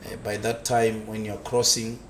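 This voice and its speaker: A man from South Africa, a construction business founder, telling his life story as an interview guest, haltingly, with many fillers and repeated words. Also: fairly low pitch, level tone, a bit bright, a little hiss or hum.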